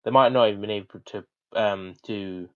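A man's voice: fairly low pitch, moderate pace. A young British man from Britain co-hosting a casual history podcast, rambling loosely and swearing now and then. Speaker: co-host. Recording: slightly dull lo-fi audio.

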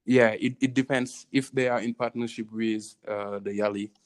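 A man's voice: medium pitch, fairly even intonation, normal speed. A man from Senegal with a Senegalese accent answers interview questions conversationally, hesitating and repeating phrases as he goes. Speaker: interviewee, tourism venture co-founder.

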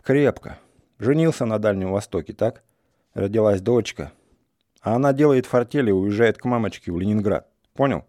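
A restless young village man, bitter and mocking, his talk rising into heated outbursts, as a male reader puts him on. The voice is low and mellow. It is recorded dry and close. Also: normal speed, dry recording, lightly acted.

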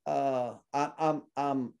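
Earnest man from suriname, mellow voice. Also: mid-range voice, fairly even intonation, takes it slowly, creaky, clean tone. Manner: earnest, often repeats words while searching for them. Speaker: ministry founder, guest. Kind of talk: casual interview talk.

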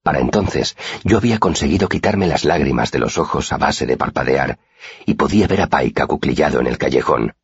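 A man narrating a first-person fantasy audiobook in an expressive storytelling manner. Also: very deep voice, brisk, husky, no echo, lo-fi sound.

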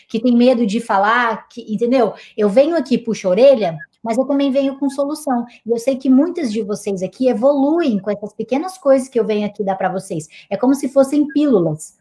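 A young woman hosts a motivational live stream with a fairly high, emphatic voice. She scolds her followers in a firm but affectionate way and keeps up the energy. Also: a little fast, few pauses, mellow. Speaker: weight-loss coach hosting a live stream.

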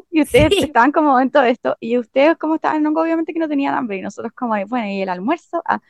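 A woman's voice: sits high, lively intonation, fast, vocal fry, dry recording, muffled recording. A young woman with a Chilean accent chatting casually with friends, teasing them and contradicting their story. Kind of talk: casual chat.

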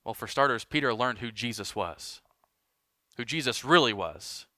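A man preaching a sermon as pastor, emphatic and building, then dropping to quiet lines for weight. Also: medium pitch, expressive, normal speed, no room sound, studio quality.

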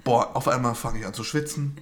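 A man's voice: mid-range voice, fairly quick. A man chatting casually with his partner, telling a story and acting out what people said. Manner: animated storyteller acting out quoted voices. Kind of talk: casual chat.

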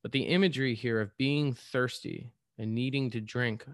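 A man's voice: medium pitch, steady tone, normal speed, no room sound, studio quality. A man who is a pastor, casually retelling and reading from a story in a conversational way with fillers and asides.

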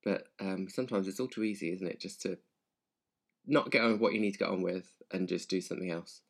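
A man's voice: low-pitched, fast talker. A man co-hosting a podcast in casual chat, upbeat and presenter-like, often drawing out his phrases. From England. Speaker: podcast co-host.

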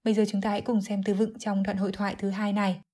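A woman giving an English vocabulary lesson, explaining clearly and methodically, word by word. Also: mid-range voice, little pitch movement, fast, warm tone. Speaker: English teacher.

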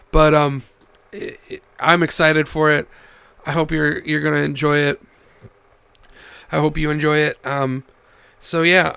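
A man hosting a casual podcast in a gravelly voice, hoarse from a cold, talking in a halting, candid way with some swearing. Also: a little high, sharp tone, no room sound. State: hoarse from the back half of a cold. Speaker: podcast host.

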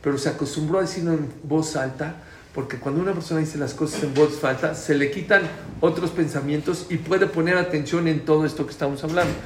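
Lively man teaching a class. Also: fairly high pitch, fairly quick. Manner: lively, asks the class questions, repeats key points loudly. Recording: echoey room, faint background noise.

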